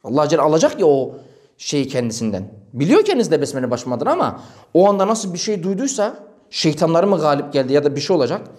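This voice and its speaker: Animated storytelling male preacher. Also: fairly high pitch, quick pace. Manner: animated, acts out quoted dialogue. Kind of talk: storytelling in a religious talk.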